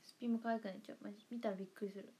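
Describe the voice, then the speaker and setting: A young woman from Kansai streams as an idol, reading comments aloud and chatting playfully with lots of giggles and quiet asides in a Kansai Japanese accent. She talks very fast in a level, mid-range voice that is dark with a breathy edge.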